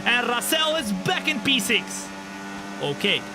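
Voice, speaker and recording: With big swings in his very high voice, a man of twenty-five speaks a little slowly over music during a live racing-game stream. He chats and jokes with his audience, teasing himself as he narrates the race, while game engine noise from the racing cars hums behind him.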